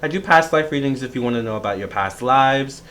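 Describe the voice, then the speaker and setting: A man's voice: mid-range voice, animated, brisk, fairly bright tone, a little hiss or hum. A man of thirty, a tarot reader, talking through a casual, reflective vlog monologue and rambling with plenty of fillers and restarts.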